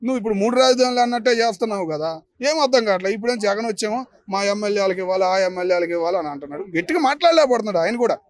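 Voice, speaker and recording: Fast-talking, high-voiced Andhra Telugu man. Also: lively intonation. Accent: Andhra Pradesh Telugu. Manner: emphatic, fires rhetorical questions. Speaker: member of the public giving opinion. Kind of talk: street interview opinion.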